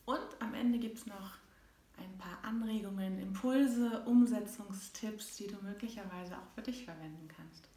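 Female author reading her own rhymed text aloud, unhurried, rhythmic, soft-to-loud dynamics, roomy echo. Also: mid-range voice. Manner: rhythmic rhyming recital, shifting between soft and loud. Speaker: author and host. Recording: echoey room.

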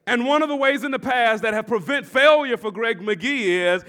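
A pastor in his forties preaching a sermon, swinging from shouted exhortation to quiet, confiding talk, and repeating his phrases. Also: extremely high pitch, normal speed. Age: 40s. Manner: repeats phrases and tells the congregation to address their neighbor.

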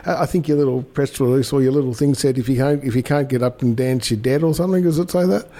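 A man hosting a casual radio interview, with hesitant, halting phrasing. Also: medium pitch, dark tone. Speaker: radio host.

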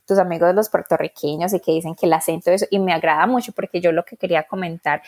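A woman from Colombia with a strong Colombian accent, co-hosting a podcast and speaking earnestly and reflectively, slowing down to stress her points. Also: lowish voice, fairly even intonation, darkish tone. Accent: Colombian Spanish. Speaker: podcast co-host. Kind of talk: casual podcast chat.

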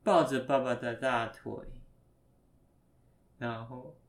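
A father telling a story to his young child, asking gentle, patient questions along the way. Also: medium pitch, fairly even intonation, takes it slowly.

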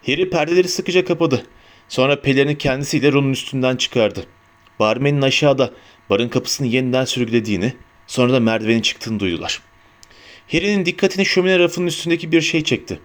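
A man narrating an audiobook in a measured, steady storytelling manner. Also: mid-range voice.

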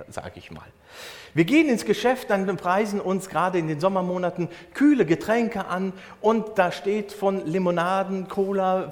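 A male pastor gives a relaxed, conversational sermon and keeps it close to daily life. His voice sits a little high and moves a lot in pitch. The sound carries a long hall reverb. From Germany. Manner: conversational preaching with everyday examples. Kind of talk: sermon on a Bible verse.

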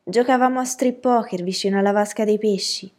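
A woman voicing a small, imaginative young boy in a storybook reading, high and eager. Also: a little fast, darkish tone, close to an everyday voice. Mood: vague.

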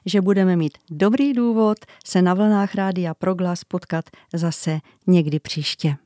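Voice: medium pitch, warm tone. A radio host formally thanking the guests and signing off. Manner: formal, polite. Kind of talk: radio interview sign-off. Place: radio studio.

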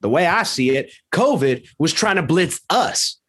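A man playing an ignorant, blustering small-town male football coach in a comedy sketch, gruff with sudden high-pitched outbursts. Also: sing-song, unhurried, fairly bright tone, exaggerated voice.

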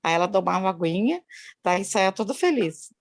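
A woman's voice: mid-range voice, expressive, brisk. Woman, daycare worker, rambling storyteller, phone on video call. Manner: rambling and repetitive, many "né?" tags. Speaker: daycare worker sharing an experience. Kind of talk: personal story told in a group call.

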